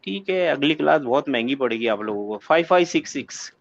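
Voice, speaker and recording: A man's voice: mid-range voice, animated, quick pace, vocal fry, highs cut off. A male Arabic teacher running an interactive grammar class, quizzing students and repeating phrases as he corrects them.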